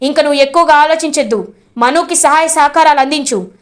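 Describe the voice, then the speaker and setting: A woman's voice: sits high, a little fast, natural voice. A woman voicing a stern middle-aged father who scolds his son harshly. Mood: scolding.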